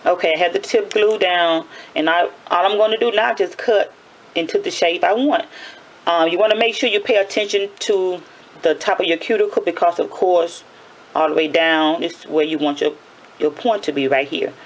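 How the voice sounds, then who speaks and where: Raspy, chatty woman. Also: on the low side, steady tone, normal speed, slight background noise, rough recording. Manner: chatty, repeats and self-corrects. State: early-morning raspy voice. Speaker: nail tutorial host. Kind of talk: casual hands-on tutorial.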